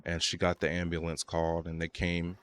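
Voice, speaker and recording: A man with a low, deep voice tells a personal story in a relaxed, rambling way. He leans on fillers and restarts as he goes. Faint game noise sits quietly behind him. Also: fairly quick. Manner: loose, rambling, many fillers. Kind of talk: casual story time.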